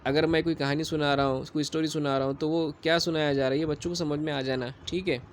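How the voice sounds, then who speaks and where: A male teacher explaining a syllabus in a lecture, reading English lines slowly and checking understanding often. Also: a little high, steady tone, slight background noise. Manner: slow deliberate English reading, quicker explanations; repeats "theek hai" to check understanding.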